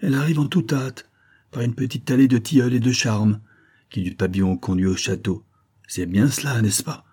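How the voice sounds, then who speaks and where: A man reading a novel aloud, voicing a sly, mocking nobleman who speaks calmly and sneers. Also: medium pitch, normal speed, slightly rough, pitched above the performer's own voice, natural voice. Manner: cool and sneering.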